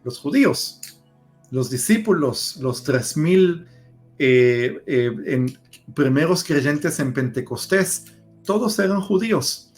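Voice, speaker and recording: A man's voice: on the high side, animated, slow, faint music behind. A man explaining Bible passages, hesitating with many fillers as he goes. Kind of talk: religious discussion.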